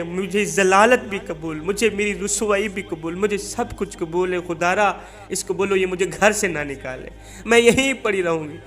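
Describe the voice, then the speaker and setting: A man preaching in a sermon voices a grieving, wronged young wife who pleads softly with repeated phrases. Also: high-pitched. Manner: pleading, soft, repetitive.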